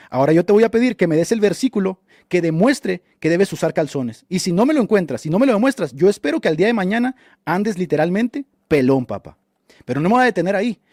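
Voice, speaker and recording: Fast, high-voiced scornful male radio host. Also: darkish tone, no room sound, clean studio sound. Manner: mocking and scornful, insults opponents; argumentative, lecturing with rhetorical questions. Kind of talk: combative live commentary answering a chat.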